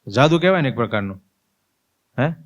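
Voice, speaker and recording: Man, swami, spiritual sermon, storytelling manner, middle pitch. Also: animated, brisk, muffled recording. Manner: vivid storytelling, acts out scenes. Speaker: swami giving a discourse.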